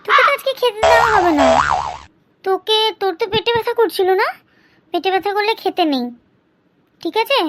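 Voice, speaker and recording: A woman voicing a strict, short-tempered mother in a cartoon, with a shrill, nagging way of talking. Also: a little fast, long pauses, loud music behind the voice. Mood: scolding. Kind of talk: cartoon dubbing.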